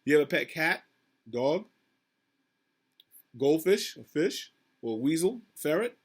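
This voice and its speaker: With a fairly high, sing-song voice that is slightly rough, a man takes his time reading a picture book to children. He is a school principal who talks straight to the kids, poses questions, and says things more than once.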